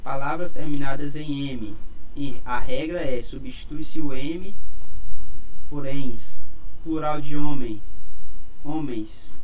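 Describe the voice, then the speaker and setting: Slow, methodical man teaching grammar. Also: medium pitch, far from the mic, a little hiss or hum, low-quality recording. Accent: Brazilian Portuguese. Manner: methodical, lists rules and paired examples. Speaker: exam prep teacher. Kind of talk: explaining grammar rules in a lesson.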